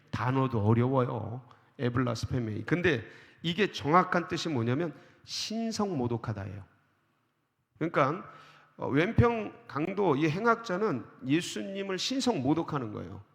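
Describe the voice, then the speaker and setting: Lively, gravelly-voiced male pastor preaching. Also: fairly high pitch. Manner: asks the congregation questions and answers them; reads scripture verses aloud. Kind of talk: sermon. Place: church sanctuary. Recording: long hall reverb of a church.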